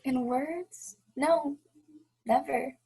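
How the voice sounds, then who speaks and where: A young adult woman voices a heartbroken yet resolute and dignified fiancée in a radio play, using earnest, formal period English. Her high, mellow voice moves extremely slowly in a full character performance, sounding wounded and resolute. The recording is rough.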